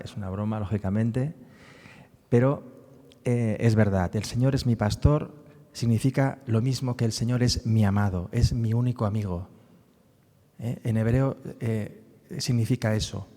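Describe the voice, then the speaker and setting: Low mellow man in a reverberant church. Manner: explanatory, frequent tag questions. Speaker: speaker presenting a book on the psalms. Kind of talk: public talk on scripture.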